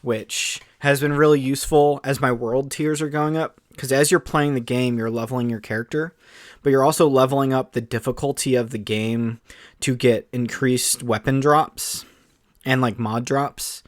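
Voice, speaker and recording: A man co-hosting a podcast, chatting casually and excitedly in long rambling runs full of fillers. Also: mid-range voice, normal speed, no room sound, clean studio sound. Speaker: podcast co-host. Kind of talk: casual chat.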